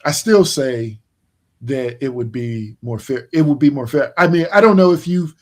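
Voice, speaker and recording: A man hosting a casual sports chat, rambling and restarting his sentences as he makes his points. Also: medium pitch. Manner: rambling, many restarts and fillers, slow emphatic points. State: yawning, tired. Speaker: podcast host.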